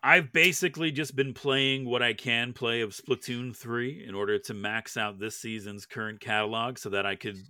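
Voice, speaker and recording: A man's voice: medium pitch, fairly even intonation, normal speed, hardly any pauses, bright, forceful tone, smooth, dry recording, studio quality. A young man hosting a casual gaming podcast, joking and swearing freely as he reads the news. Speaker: podcast host.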